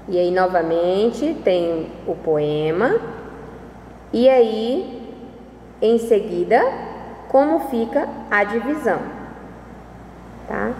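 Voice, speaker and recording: A woman teacher giving a recorded lesson, talking slowly and carefully and spelling out syllables. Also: mid-range voice, a little mellow, slight background noise. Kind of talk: recorded lesson on poetic meter. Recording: echoey room with long reverb and faint ambience.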